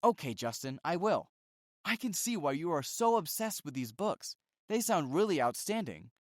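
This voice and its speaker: Eager male reader in an audiobook, earnest, lively pitch, dry close sound, voiced by the narrator. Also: normal speed, no room sound. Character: eager adult male reader asking the author questions.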